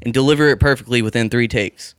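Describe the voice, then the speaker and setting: A man's voice: medium pitch, fast talker, fairly bright tone, smooth, no room sound. A man chatting casually as a musician guest, candid, slangy and swearing freely. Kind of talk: casual chat.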